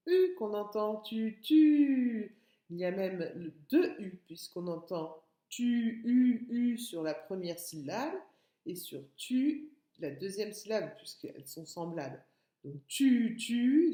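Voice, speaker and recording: A woman teaching a phonics lesson to young children, sounding out each word slowly and stretching the syllables. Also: mid-range voice, expressive, mellow. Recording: echoey room.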